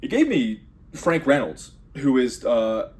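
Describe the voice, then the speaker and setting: A man doing a rambling comedic monologue, sarcastic with deadpan asides. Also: mid-range voice, takes it slowly.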